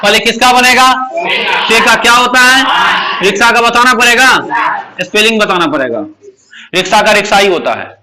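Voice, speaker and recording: A man teaching English spelling to a class, quizzing his students with quick questions and repeating key points. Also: sits high, lively intonation, background noise. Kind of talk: classroom lecture.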